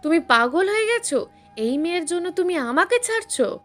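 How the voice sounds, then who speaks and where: A woman's voice: high voice, normal speed, fairly bright tone, faint music behind, pitched above the performer's own voice. A woman voicing a harsh, scornful older mother who speaks sharply and dismissively to her son. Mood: shouting.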